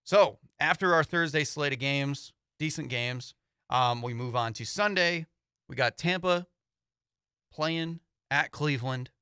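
A man's voice: a little high, unhurried, pushed and bright, clear, resonant tone, no echo. A young man co-hosting a casual sports talk show, easygoing and rambling with fillers, speaking into a studio mic in a small studio. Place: small studio with foam panels. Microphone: studio mic on boom, headphones.

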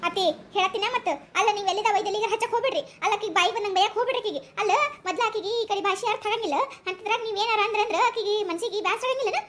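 Woman playing a quick-tongued village mother-in-law. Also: very high-pitched, a bit bright. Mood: pleading. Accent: North Karnataka Kannada. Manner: argumentative, rapid rural chatter. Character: middle-aged mother-in-law defending her daughter-in-law. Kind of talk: comic village sketch.

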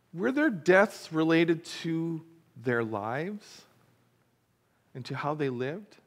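In a church sanctuary, a middle-aged pastor with a voice on the high side reads from the gospel and delivers a sermon. He brings the story to life and asks his congregation questions.

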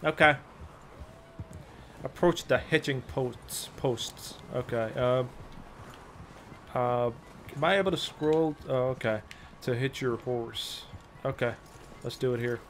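A man's voice: medium pitch, slow, long pauses, fairly bright tone, slight background noise. A young man giving casual gameplay commentary, reading prompts aloud and joking around. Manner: reads on-screen prompts, loose and joking. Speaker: gaming channel host.

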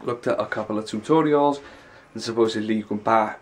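Talking a little fast in a lowish voice, a young man with a blocked nose and sore throat rambles through a casual vlog. He shoots handheld at arm's length inside small rooms of a house, his sentences running loosely together.

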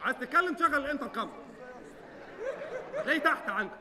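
A fussy neighbor who keeps nagging someone to keep it down. His voice is very high, and it echoes through a long-reverb hall while an audience is clearly heard in the background. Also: expressive, fast, a crowd in the background. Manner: nagging, chiding. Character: fussy neighbor hushing a loud man. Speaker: stage comedy actor. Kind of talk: live stage comedy.

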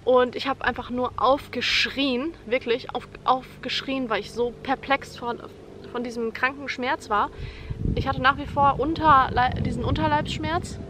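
A young woman with a high voice tells a personal story to her camera at home. She retells it vividly and dramatically. Clear background noise runs under her voice. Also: fairly even intonation, unhurried. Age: young adult. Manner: vivid, dramatic retelling, acting out her own screams and quoting others. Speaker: vlogger.

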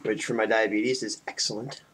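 A video blogger in his twenties, tipsy on beer, talks casually and aimlessly to his friends at a normal speed, his low-leaning voice level and a bit bright. He's filming a homemade vlog in a small room at home, using a webcam mic about arm's length off that picks up faint noise.

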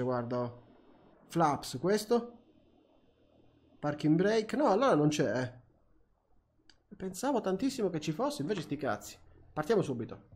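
A young Italian man commenting on his flight simulator gameplay, excitable, swearing often and talking to himself and the plane. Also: fairly high pitch. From Italy. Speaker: gaming youtuber. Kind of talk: flight sim let's play commentary.

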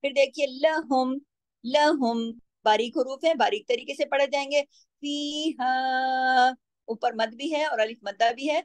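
A high-voiced woman gives a patient recitation lesson, breaking words apart and stretching them slowly as she demonstrates. Her voice is close and dry, with no room sound around it. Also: dry recording. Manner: patient, explanatory, slows to drawn-out chanted demonstrations of words. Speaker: Quran recitation teacher.

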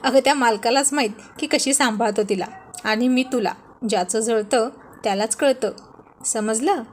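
A woman's voice: a little high, moderate pace, a little hiss or hum, close to an everyday voice. A woman voicing a teasing, bossy young husband who mocks his wife playfully. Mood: mocking. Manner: mocking, playful taunts.

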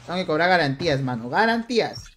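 Young guy streaming a shooter, chatty and slangy, loud gunfire and choppers behind him. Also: sits high, animated, normal speed, heavy background noise. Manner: chatty, greets viewers by name, slangy. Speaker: game streamer. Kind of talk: casual live-stream chat while gaming. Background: gunfire and helicopters from the game.

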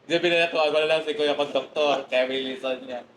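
A man's voice: a little high, fairly even intonation, fairly quick, a bit bright. A man hosting a casual interview, encouraging his guest with short reactions and follow-up questions. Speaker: podcast host. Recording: roomy echo, faint hiss.

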